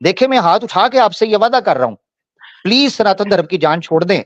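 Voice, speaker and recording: A man's voice: high-pitched, expressive, a little fast, no room sound, dull audio. A man mimicking a panicky grown man who begs to be let off, in a mocking, pleading voice. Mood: mock begging.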